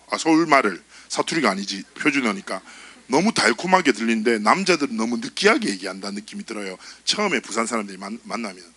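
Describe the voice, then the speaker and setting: A man preaching a youth sermon at church, animated and joking as he acts out funny stories. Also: medium pitch, no room sound. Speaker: youth pastor.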